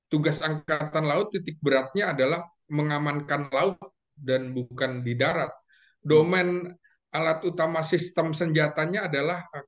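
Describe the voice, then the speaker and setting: A man who is a guest analyst in a casual discussion, going through names and facts methodically, with many pauses and fillers. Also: mid-range voice.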